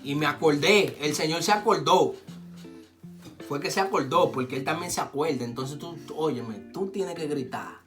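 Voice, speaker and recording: A man preaching in a casual conversation, telling a scripture story with lively acted-out dialogue and urging his listeners on. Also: fairly high pitch, moderate pace. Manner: animated storytelling, acts out dialogue, exhorts listeners. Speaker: co-host of a faith talk show. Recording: phone recording with guitar music behind.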